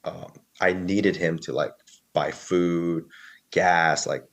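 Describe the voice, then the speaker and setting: A man in his thirties with a very deep, low-pitched voice tells his story as a podcast guest. He rambles casually, repeating "so then" and "like", and acts out the words of others. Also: fairly even intonation, takes it slowly, fairly bright tone. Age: 30s. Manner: rambling, filler-heavy, quotes others.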